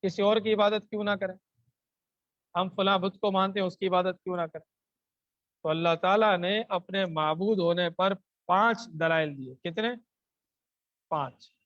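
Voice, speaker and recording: A man with a Pakistani Urdu accent teaching a Quranic grammar lesson into a microphone. He recites Arabic verses slowly, then explains them, and asks the class questions that he answers himself. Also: high-pitched, no echo, highs cut off.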